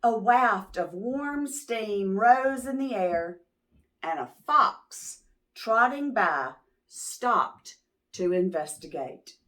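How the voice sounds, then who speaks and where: Very animated, slow-paced woman reading a storybook. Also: mid-range voice. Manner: expressive, drawn-out words, teacherly prompting. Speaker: children's read-aloud storyteller. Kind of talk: storybook reading with asides and questions to young children.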